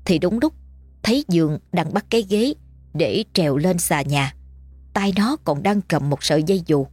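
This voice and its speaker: A woman, reading a ghost story in brisk, scripted audiobook narration. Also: fairly low pitch, lively intonation, a little mellow, no echo.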